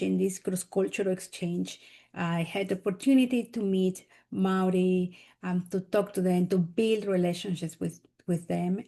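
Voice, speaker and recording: A woman's voice: fairly low pitch, warm tone. Peruvian woman author giving a talk. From Peru. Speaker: guest speaker, author. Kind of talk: academic talk.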